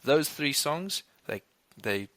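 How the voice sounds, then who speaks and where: A man's voice: on the high side, expressive, a bit bright, no room sound. A man co-hosting a movie podcast, chatting casually and rambling with frequent restarts. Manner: rambling, restarts, quick laughs. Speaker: podcast co-host. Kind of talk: casual chat.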